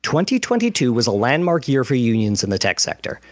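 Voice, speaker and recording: Man, podcast host, medium pitch, measured delivery, dry close mic. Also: sing-song, dry recording. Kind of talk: casual panel chat, reading news notes.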